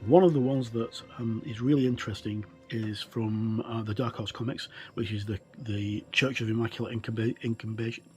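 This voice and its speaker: With soft music in the background, a fairly low, steady-voiced game reviewer in middle age walks through a book casually, haltingly and with frequent self-corrections.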